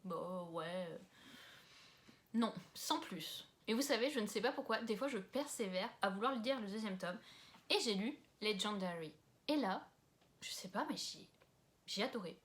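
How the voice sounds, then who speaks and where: Casual book-vlog host, a young woman from France, middle pitch, chatty and self-mocking, lots of fillers. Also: expressive, normal speed, fairly bright tone. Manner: chatty, self-deprecating, many fillers and asides. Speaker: book vlogger. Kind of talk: casual chat about books. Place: at home with books.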